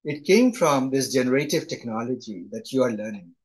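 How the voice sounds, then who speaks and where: A chatty middle-aged man with a thick Indian accent instructs a live online class via video call, often checking in with "right?". His medium-pitched voice is expressive and brisk, and the recording is low quality.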